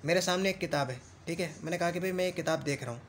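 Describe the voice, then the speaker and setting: A man teaching Arabic grammar in a classroom lesson, reciting lists of rules slowly and repeating them, and checking in often as he explains. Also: on the high side, a little hiss or hum. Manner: explains patiently with frequent check-ins.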